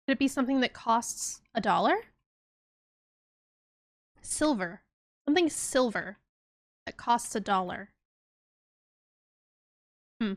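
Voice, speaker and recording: A woman streamer chatting excitedly and teasing herself while she plays a mystery game. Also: fairly high pitch, takes it slowly, long pauses. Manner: chatty, excitable, self-deprecating. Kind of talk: casual live game commentary.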